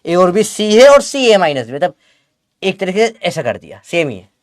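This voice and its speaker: A man's voice: high voice, sing-song, normal speed, no echo, studio quality. A young man teaching physics in a chatty, teasing lecture. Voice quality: chatty, teasing, calls students beta. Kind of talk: classroom lecture with Gen Z slang.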